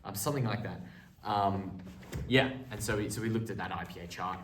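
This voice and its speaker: A man's voice: on the low side, fairly quick, slight background noise. A man talking through what he learned in a voice and accent class, hesitant with frequent ums and restarts. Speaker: acting student. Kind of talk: spoken reflection on a course. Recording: roomy echo, mic set at a distance.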